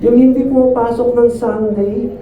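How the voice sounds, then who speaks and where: A man's voice: very high-pitched, fairly even intonation, normal speed, a crowd in the background. A man preaching a sermon at a church service in a conversational way, often asking the listeners to agree. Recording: echoey distant phone-like sound.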